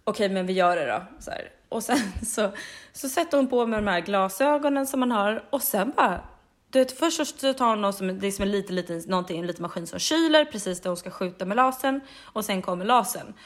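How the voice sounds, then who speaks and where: A woman co-hosting a casual podcast, telling a lively story, quoting others in animated voices, laughing and swearing casually. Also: medium pitch. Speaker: podcast co-host.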